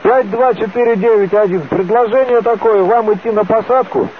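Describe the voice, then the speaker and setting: A man's voice: high-pitched, normal speed. A man working as a ground flight controller over a two-way radio, giving terse, clipped calls and readbacks. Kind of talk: radio traffic procedure. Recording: tinny radio link with faint hiss.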